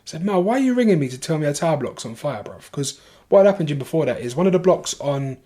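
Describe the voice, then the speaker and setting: Animated, sweary London man telling a story. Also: on the high side. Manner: animated, swears freely, lots of rushed restarts. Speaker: podcast guest. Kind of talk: casual storytelling.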